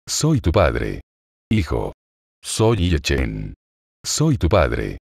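An insistent young father from an audio novel, voiced by a male narrator. He pleads earnestly in a low, dry voice, with no room around it. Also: wildly swooping pitch, drawn-out words, creaky, darkish tone, slightly rough, dry recording, full character voice. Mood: pleading. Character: young father longing to claim his children.

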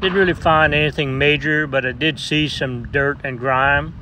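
Guy fixing old boat motors, chatty and down to earth, kinda high voice, lots of outside noise. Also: fairly even intonation, normal speed, bright, forceful tone, poor audio. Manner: folksy, matter-of-fact, calls the motor "her". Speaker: vintage outboard motor mechanic. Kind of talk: casual repair vlog narration. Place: workshop and outdoors by the water.

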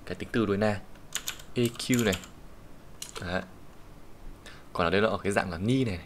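A man with a low voice and a Vietnamese accent gives an online kanji lesson. He patiently walks through each reading and slows right down to read the Japanese example sentences. A faint hiss and some keyboard typing sit behind him. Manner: patient, explanatory, reads Japanese sentences slowly.

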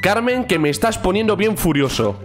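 Man, Spain Spanish accent, high and lively voice, exclaiming gameplay commentary. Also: moderate pace, soft background music. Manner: excitable, exclaiming, teasing. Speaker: gaming YouTuber. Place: at home.

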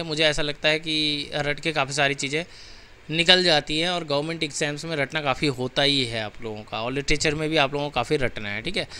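A young Indian man teaching an online exam-prep lesson, chatting quickly and then reading notes out slowly, word by word. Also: on the high side, pushed and bright, clear, resonant tone. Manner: switches between fast casual explaining and slow dictation-style reading of notes.

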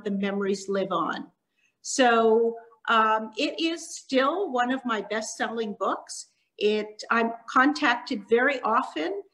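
A middle-aged woman from Montreal speaks in a slightly higher voice, explaining her work as a children's author. She talks at home into a laptop webcam on a video call, pausing often with ums. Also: poor audio. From Canada (Montreal), born in Hungary. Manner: warm explanatory talk with frequent ums and pauses. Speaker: children's author giving a talk. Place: living room at home.

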